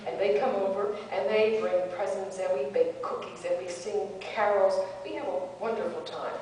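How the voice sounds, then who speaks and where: A woman's voice: medium pitch, steady tone, moderate pace, darkish tone, lightly acted. A woman playing an elderly wife married sixty years, telling her story fondly and with a wry touch. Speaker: stage actor in a monologue. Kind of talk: theatrical monologue. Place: stage in a hall. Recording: echoey hall, far from mic, faint noise.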